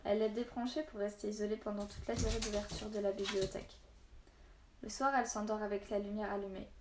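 A woman reads a story aloud with steady, expressive narration, briefly voicing the characters in dialogue. Her voice sits at a middle pitch. The sound carries a roomy echo. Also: fast talker, noisy background. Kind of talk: reading a children's novel aloud.

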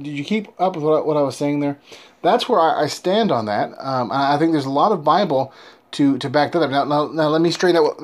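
A man with a moderately high voice hosts a Bible devotional in an echoey, bathroom-like room. He teaches earnestly and conversationally, repeating phrases for emphasis and checking that the listener follows. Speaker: host of a Bible devotional program. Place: indoors, an echoey room away from the usual spot. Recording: echoey, like a bare reverberant room.

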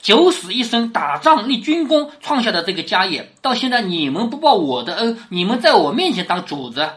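A woman lectures on a classic novel, retelling and explaining it in plain conversational language and constantly asking rhetorical tag questions, dropping her voice on them. Her mid-range voice is sing-song, brisk, and a bit bright.

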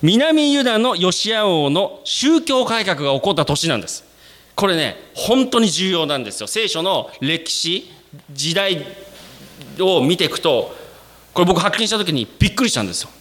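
A man preaching a sermon to his congregation, speaking to them directly. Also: normal speed. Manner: animated, addresses the congregation directly; acts out quoted voices with sudden jumps in pitch. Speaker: pastor.

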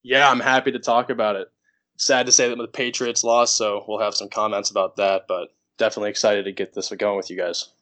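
A man's voice: on the low side, level tone, brisk, a bit bright, no room sound. A young man joining a sports podcast as a guest, chatting in an easygoing, playful way. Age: young adult. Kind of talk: casual chat.

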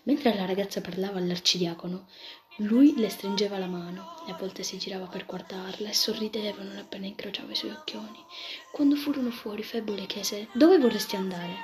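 A woman reading a romantic story aloud in a soft, gentle narrating voice. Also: medium pitch, brisk. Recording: background music throughout.

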